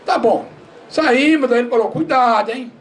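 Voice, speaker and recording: Older high-voiced man telling stories. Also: normal speed. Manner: lively anecdotal storytelling, acting out dialogue, often laughing. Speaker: former postal worker giving a testimony. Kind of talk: storytelling talk at a seminar. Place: university seminar room. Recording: distant mic, faint room noise.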